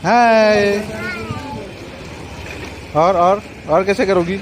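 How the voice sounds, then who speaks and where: Young dad from western up, high voice, gentle and playful with his kid, loud street noise on a phone clip. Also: very slow. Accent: Hindi-Urdu from western Uttar Pradesh. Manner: coaxing, gentle, playful with a small child. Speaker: vlogger and father. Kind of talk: casual vlog, talking to his toddler. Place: outdoors by a street market.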